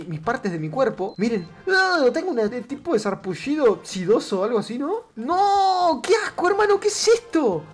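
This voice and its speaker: A man with an Argentine Rioplatense accent giving let's-play commentary, excitable, swearing a lot and shrieking at scares. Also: high-pitched. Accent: Argentine Rioplatense Spanish. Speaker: gamer.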